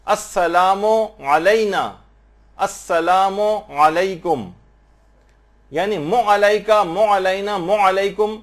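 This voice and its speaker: A man giving a religious lesson on prayer, patiently explaining and slowly drawing out Arabic phrases to show correct pronunciation. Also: a little high. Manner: slow drawn-out demonstrations of Arabic pronunciation. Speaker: religious teacher.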